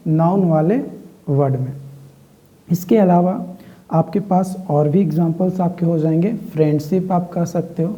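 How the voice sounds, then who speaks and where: A man teaching a lesson on word stress, speaking slowly and repeating key words, with frequent checks on whether students are following. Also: a little high. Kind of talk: classroom lecture. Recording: tinny phone-like audio.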